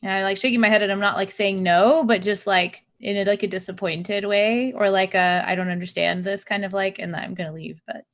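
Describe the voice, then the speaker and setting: A woman's voice: mid-range voice, fairly even intonation, a little fast, few pauses, a bit bright. A woman playing a tabletop game, chatting casually and describing what her character does.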